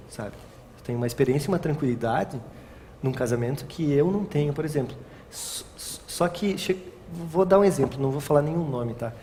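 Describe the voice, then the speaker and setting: In a relaxed interview, a young adult wedding photographer speaks in a dark, mid-range voice, wandering from point to point. He often starts over and ends his lines with a questioning "sabe?" Faint background noise and a long reverb surround him.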